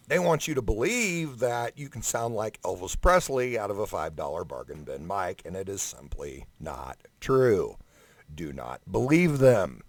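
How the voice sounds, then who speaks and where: A man with a fairly low, creaky voice rants casually in a vlog, giving audition advice as an amateur singer. He is blunt, emphatic and sweary, and the dry recording comes from a condenser microphone held right up close with no preamp.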